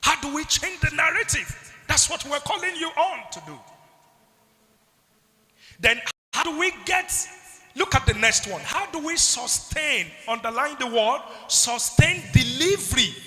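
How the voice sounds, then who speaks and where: At a youth conference in a large, reverberant hall, a Nigerian public health speaker poses rhetorical questions and keeps asking "what?" so the crowd will call back answers. His extremely high voice is pushed and bright with lively intonation, a measured pace and long pauses. Faint music sits behind him.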